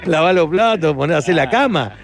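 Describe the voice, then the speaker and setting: A man with an Argentine accent tells stories as a guest, his voice sitting somewhat higher than most. He is lively and laughs often. Now and then he acts out the voices of the people in his stories. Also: fairly quick, gravelly. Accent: Argentine Spanish. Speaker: comedian guest. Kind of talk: casual anecdote-telling.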